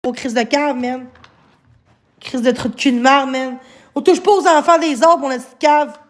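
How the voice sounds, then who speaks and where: High-voiced swearing Québécois woman. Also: fairly even intonation, moderate pace. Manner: angry, swearing, scolding viewers. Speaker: livestreamer. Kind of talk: live stream talking to chat.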